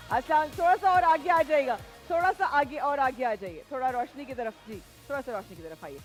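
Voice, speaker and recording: A woman hosting a prize show on a TV studio set, lively and mixing in English phrases as she directs her guests. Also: sits high, moderate pace, faint music behind. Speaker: game show host.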